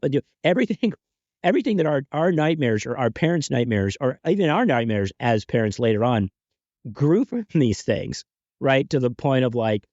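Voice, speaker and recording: Man, podcast host, excitable and rambling, on a home mic with a dry, close sound. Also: medium pitch, no echo, highs cut off. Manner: excitable, rambling, laughing between thoughts. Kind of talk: casual chat.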